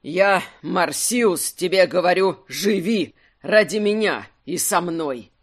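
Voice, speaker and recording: A narrator voicing a huge drunken young man who bellows in a rough, heavy voice in an audiobook. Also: medium pitch, slow. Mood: solemn. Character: huge drunken young brawler, loud and boisterous. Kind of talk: audiobook character voice.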